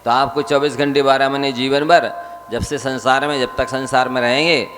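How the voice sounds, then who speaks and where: A man's voice: medium pitch, steady tone, normal speed, fairly bright tone, slight background noise. A male Jain monk delivering a sermon, urging his listeners and asking them rhetorical questions. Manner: exhorting, rhetorical questions to audience. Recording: hall reverb with faint ambience.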